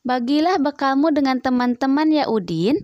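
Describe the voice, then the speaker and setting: A woman teacher reading the lines of a kind mother advising her young son from a schoolbook, gently and slowly. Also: sits high, animated, no echo, muffled recording, pitched above the performer's own voice. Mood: gentle. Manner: gentle, read aloud from a schoolbook.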